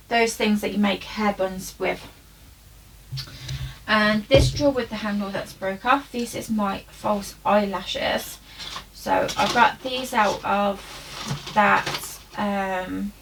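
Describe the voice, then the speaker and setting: A woman's voice: mid-range voice, vocal fry. A young woman giving a casual, rambling tour of her makeup storage at home, with loose fillers. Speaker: beauty vlogger. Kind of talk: casual room tour chat. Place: bedroom at home. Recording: slightly distant, faint hiss.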